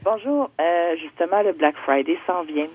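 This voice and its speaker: Caller on a tinny landline phone. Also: female voice, lowish voice, normal speed, slightly rough. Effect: over a landline phone. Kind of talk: call-in question. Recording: tinny phone line with faint hiss.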